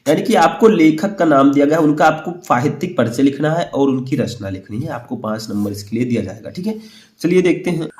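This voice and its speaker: Male teacher, slightly high voice, patient step-by-step explainer, echoey room. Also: animated, brisk, darkish tone. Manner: explanatory, repeats "ठीक है" and asks "समझ में आया?". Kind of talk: exam paper walkthrough.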